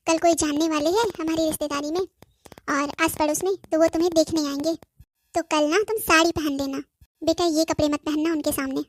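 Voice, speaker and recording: A woman voicing a patient, gently firm cartoon mother-in-law who coaxes softly and keeps saying "beta". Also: high-pitched, steady tone, moderate pace, dry recording, natural voice. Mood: gently instructing. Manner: soft, coaxing, says "beta" often. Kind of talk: cartoon voice acting.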